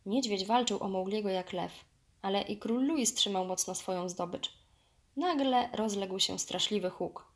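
Female narrator, mid-pitched, lively children's story reading. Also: unhurried.

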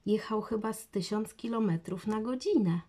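A woman voicing an eager, excitable young boy in a children's storybook reading. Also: mid-range voice, normal speed, pitched above the performer's own voice, lightly acted. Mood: thrilled.

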